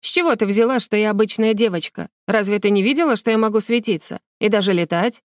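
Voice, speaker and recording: A woman's voice: fairly high pitch, normal speed, no echo, pitched above the performer's own voice, lightly acted. Bossy fake-ghost girl, snide and cold, storybook voice, lady reader doing her, dry and close. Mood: shouting chase. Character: spiteful girl pretending to be a ghost.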